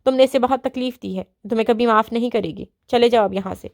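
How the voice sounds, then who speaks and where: A woman's voice: on the high side, creaky, a little mellow, no echo, studio quality. Woman reading as a stern ghostly young woman.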